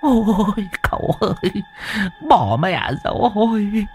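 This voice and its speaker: A man's voice: high-pitched, sing-song, slow pace, a little mellow, voice pushed up, heavily acted. A man voicing a jittery, boastful and cowardly old man who stammers and wheedles, in a spooky storybook tale. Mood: panicked.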